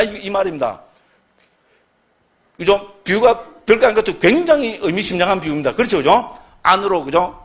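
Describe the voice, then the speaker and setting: A man's voice: high voice, fairly bright tone. A middle-aged man giving a casual lecture on Buddhist scripture, constantly checking in with his listeners for agreement. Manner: chatty, keeps asking listeners for agreement.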